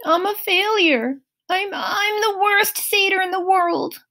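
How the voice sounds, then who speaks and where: A woman's voice: very animated, slow pace, heavily acted. A woman voicing a timid, guilt-ridden teenage male satyr in an audiobook, stammering and apologetic. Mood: guilty. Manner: apologetic, stammering, high-pitched. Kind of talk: audiobook reading.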